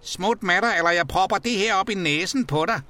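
A man voicing a fat, hot-tempered hotdog vendor who shouts threats in a storybook. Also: high-pitched, voice pushed up. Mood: angry.

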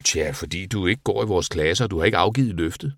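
A man's voice: low-pitched, fairly bright tone, no room sound, clean studio sound. A man doing a cocky blunt schoolboy. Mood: offhand.

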